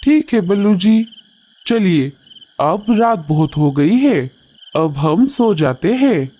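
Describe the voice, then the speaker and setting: Gentle cartoon mama bird, woman voicing her, soft and soothing, slow unhurried talk. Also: medium pitch, expressive. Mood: worried. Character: caring mother bird, gentle and protective. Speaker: mother.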